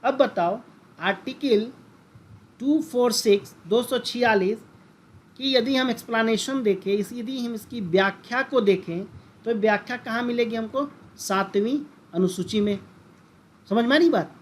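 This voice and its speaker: A man's voice: very high-pitched, a little slow, a little hiss or hum. A man teaching a lesson in lecture style, who keeps asking the class questions and repeating the key terms. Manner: addresses listeners as friends.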